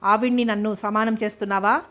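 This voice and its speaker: A woman's voice: medium pitch, fairly even intonation, fast talker, a bit bright, lightly acted. A woman reading the lines of a heated, accusing foreign wife in an audiobook novel, in her own voice. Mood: indignant.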